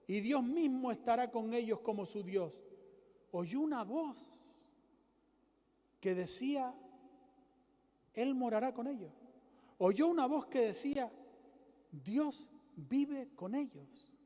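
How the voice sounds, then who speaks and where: A man preaching a sermon with emphatic, repetitive lines that rise to loud exclamations and drop low again. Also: lively intonation, takes it slowly, pauses often, in a large hall.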